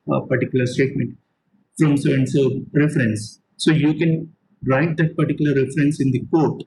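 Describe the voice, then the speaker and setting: A man's voice: medium pitch, a little mellow, a little hiss or hum, low-quality recording. Man lecturing with frequent fillers. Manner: explains step by step, repeats points, many fillers. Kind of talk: online class lecture.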